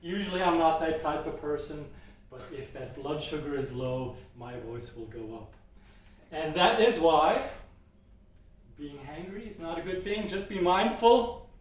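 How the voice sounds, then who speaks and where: A man from Switzerland giving a humorous impromptu speech at a speaking club, telling a story with animated comedic timing. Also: a little high, unhurried. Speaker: table topics speaker. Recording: echoey room, distant mic.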